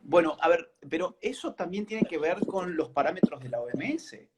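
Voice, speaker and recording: A man's voice: on the high side, lively intonation, moderate pace, heavy background noise. A man with an Argentine accent making an emphatic, argumentative case in conversation, punctuating points with short dismissive words. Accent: Argentine Spanish. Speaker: political commentator. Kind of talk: conversational debate.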